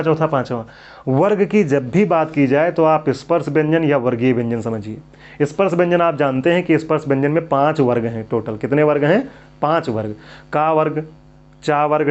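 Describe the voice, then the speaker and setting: A man's voice: on the high side, darkish tone. A man teaching Hindi grammar in an exam-prep lecture, who keeps asking questions and then answers them himself. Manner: drills students with repeated questions and answers. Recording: dull lo-fi recording.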